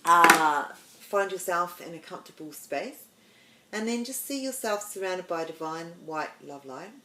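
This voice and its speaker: Soft-spoken Australian woman guiding meditation. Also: on the low side, expressive, a little hiss or hum. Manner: slow, soothing, soft-spoken guidance. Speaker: meditation podcast host. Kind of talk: guided meditation. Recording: roomy with faint background ambience.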